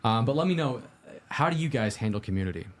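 A man's voice: medium pitch, lively intonation, fast talker. A man hosting a casual livestream, giving upbeat, tidy advice in an informal, conversational way straight to viewers. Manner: informal, conversational, posing questions to the audience. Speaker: host of a live-streamed IT study show.

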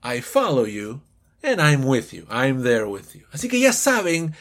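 A man teaching English phrases to Spanish speakers, explaining with animated energy and playfully acting out his students' questions. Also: mid-range voice, unhurried. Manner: playfully acts out students' questions in raised voices.

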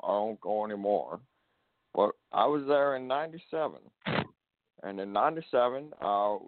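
A man from Alabama calling in to the show over a delayed phone line, speaking haltingly with many pauses. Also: fairly low pitch, dry recording. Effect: laggy phone line with delay. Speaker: caller. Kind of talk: casual call-in chat. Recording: tinny dry phone line.

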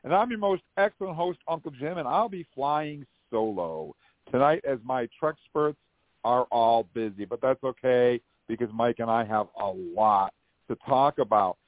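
A man's voice: medium pitch, animated, moderate pace, no room sound. An American man hosting a live call-in fan podcast with a folksy showman's way of presenting. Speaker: podcast host. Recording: dry, narrow phone-like podcast audio.

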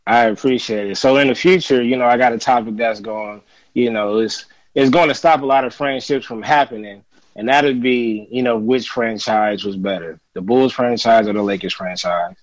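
A man's voice: medium pitch, moderate pace, no echo, rough recording. A man from Los Angeles as a podcast guest, ranting profanely about players he hates and repeating himself. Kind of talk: casual sports chat.

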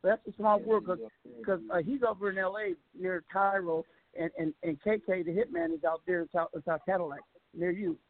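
A man's voice: high voice, fairly even intonation, moderate pace, no room sound. A man in his sixties hosting a casual call-in radio chat, laughing easily and stumbling over repeated words. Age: 60s. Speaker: radio show host. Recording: phone-line call-in audio.

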